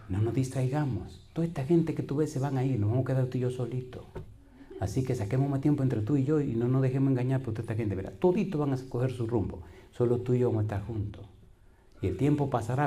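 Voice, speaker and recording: With a warm, medium-pitched voice, a middle-aged man preaches to his congregation, asking them questions in call-and-response style. As a pastor, he spins folksy stories complete with quoted voices.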